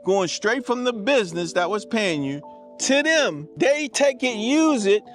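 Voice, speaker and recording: A man's voice: sits high, animated, measured pace, fairly bright tone, soft background music. A man co-hosting a podcast, talking in an emphatic, preachy way with a sing-song lilt. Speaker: podcast co-host. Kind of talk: casual conversational discussion.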